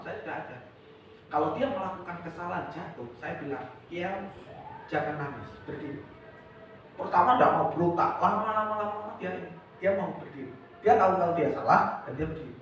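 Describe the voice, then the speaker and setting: Preaching man in a booming echoey hall. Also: noisy background. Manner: emphatic preaching, swings from loud to soft; casual, mixes in everyday slang and English words. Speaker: youth pastor. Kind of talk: Indonesian church sermon. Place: church hall. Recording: echoey hall, distant dull mic.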